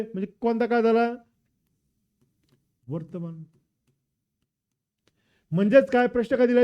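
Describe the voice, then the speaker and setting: A man's voice: sits high, clean tone. Man, Marathi accent, exam walkthrough lesson, call-and-response drilling, dull lo-fi sound. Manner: drills with repeated questions and answers. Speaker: scholarship exam teacher.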